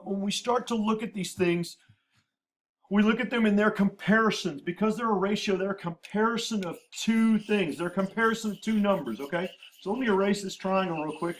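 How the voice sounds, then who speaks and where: Higher-pitched man teaching a math lesson. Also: slight background noise. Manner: patient, repeats terms, spells out abbreviations. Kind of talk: classroom lecture at a whiteboard.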